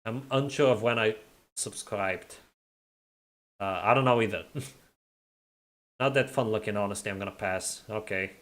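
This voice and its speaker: With a fairly low voice and a measured pace, a man streaming a game pauses often as he chats casually. He handles viewer messages in a relaxed manner while playing, and his R sounds are throaty.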